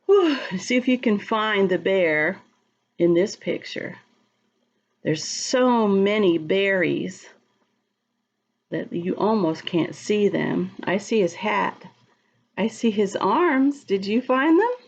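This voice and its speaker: With a medium-pitched, expressive voice and a slow pace, a woman reads a storybook to young children. She draws out her words, talks straight to them, chats, and asks them questions. The audio is dull.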